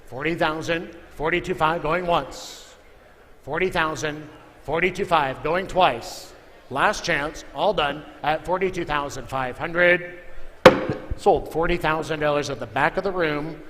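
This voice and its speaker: Calling bids in a repetitive numeric chant, a male auctioneer repeats figures and seeks offers inside a large auction room. His voice is a little high, a bit bright and a little slow; the hall echoes and background noise is clearly audible.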